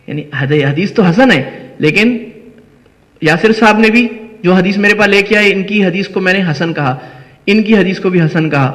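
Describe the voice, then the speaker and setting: A man with a Pakistani Urdu accent and a high, slightly bright voice lectures on hadith studies as an Islamic scholar. He moves through the material step by step in this classroom talk, posing questions and answering them himself. The recording carries a long hall reverb.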